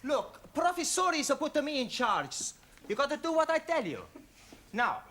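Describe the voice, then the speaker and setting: An actor playing a cocky, excitable student with an Italian accent and broken English in a sitcom. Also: male voice, very high voice, normal speed, heavily acted. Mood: bossy. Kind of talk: sitcom acting. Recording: old television soundtrack with faint noise and crowd.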